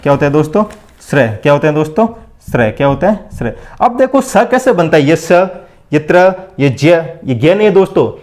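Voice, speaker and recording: Man drilling a lesson, higher voice. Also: very animated, brisk, darkish tone. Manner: call-and-response drilling, repeats questions and answers; keeps addressing listeners as friends. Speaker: teacher. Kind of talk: blackboard lesson for exam preparation.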